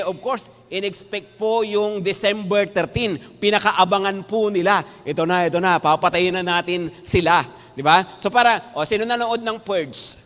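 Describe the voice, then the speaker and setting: A man preaching in a high, sharp voice. He keeps turning to the congregation with quick questions. His words ring out with the long reverb of a large church hall. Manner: addresses the congregation and often checks in with "no?" and "amen po?". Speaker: pastor. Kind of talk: sermon. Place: church sanctuary.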